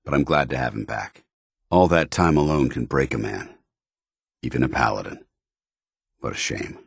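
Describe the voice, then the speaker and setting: A stern, loyal paladin soldier in a video game. His voice is deep and gruff, a little husky, recorded dry and close. He speaks in clipped, commanding, formal military phrases. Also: animated, moderate pace, no echo, heavily acted. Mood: somber, regretful. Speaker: military companion character.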